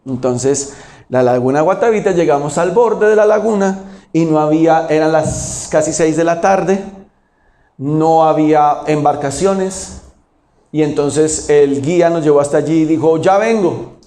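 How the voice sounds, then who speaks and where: A man preaching a sermon as pastor, telling stories and acting out Bible quotes with sudden high, loud bursts. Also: moderate pace, roomy sound.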